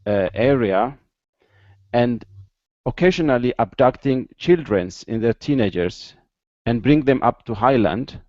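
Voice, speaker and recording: A man from Ethiopia, a guest in an interview, explaining at length with many pauses and fillers over a video call. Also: medium pitch, lively intonation, mellow, no echo, muffled recording.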